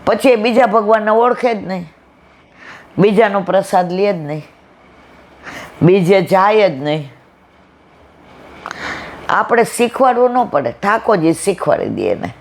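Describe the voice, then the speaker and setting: A woman's voice: medium pitch, animated, a little slow, pauses often. An older woman giving a devotional satsang discourse, telling stories and acting out family anecdotes. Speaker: devotional speaker.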